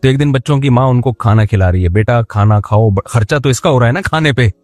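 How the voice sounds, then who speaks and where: A man's voice: medium pitch, lively intonation, quick pace, darkish tone, no room sound. A man giving a sermon in a conversational tone, joking and speaking straight to his listeners. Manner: conversational, jokes and asides to listeners. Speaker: Islamic preacher.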